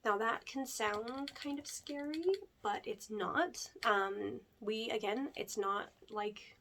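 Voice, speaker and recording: A woman's voice: a little high, fairly even intonation, slow pace, sharp tone, a little hiss or hum, heavily acted. A young woman playing a chatty pizzeria staffer who interviews a new hire in an ASMR role-play. She rambles in an upbeat way, with lots of fillers and nervous jokes. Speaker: ASMR creator.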